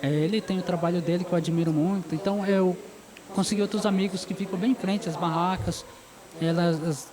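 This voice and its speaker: A man's voice: high-pitched, steady tone, a little fast, rough recording. A man in his forties from São Paulo, a caricaturist being interviewed at an outdoor street fair, chatty and easygoing, often laughing as he tells stories. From São Paulo, Brazil. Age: 40s. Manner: easygoing, chatty, laughs while telling anecdotes. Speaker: guest caricaturist. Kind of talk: casual interview. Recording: busy outdoor crowd noise.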